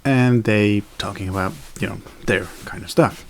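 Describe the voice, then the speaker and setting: A man's voice: lowish voice, normal speed, a little hiss or hum. A young man chatting casually in a daily vlog, rambling with fillers and self-corrections. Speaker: video blogger.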